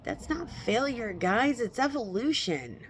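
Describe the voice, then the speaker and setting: Slow-talking woman, self-help influencer style. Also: on the high side, big pitch swings, slight background noise. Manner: self-help influencer delivery, blunt, emphatic, halting with check-ins to listeners. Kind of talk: casual unscripted self-help influencer talk to followers.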